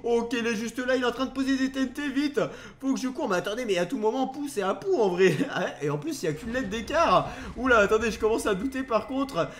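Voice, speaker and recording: A man's voice: extremely high pitch, quick pace, hardly any pauses. A young man hosting a Minecraft video, commenting on the game to viewers in a theatrical, easily alarmed way. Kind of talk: dramatised gameplay commentary addressed to viewers.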